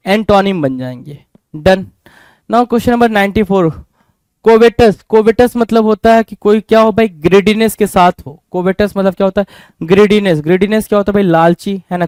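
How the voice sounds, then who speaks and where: Indian guy teaching vocab, high voice, dry close mic, keeps quizzing "bhai?" then answering. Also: darkish tone, clean tone, no room sound. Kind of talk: exam-prep lesson.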